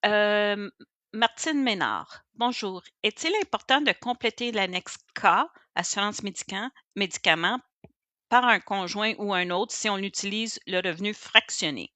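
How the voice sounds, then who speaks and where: Bright-voiced woman reading questions. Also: mid-range voice, a little slow, dry recording. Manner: reads questions out in a steady, even way. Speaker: co-host reading viewer questions.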